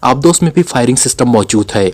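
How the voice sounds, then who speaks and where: A man's voice: medium pitch, lively intonation, fast talker, a little mellow, slightly rough. A man voicing a frightened, timid captive who stammers, in a storybook reading. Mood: nervous.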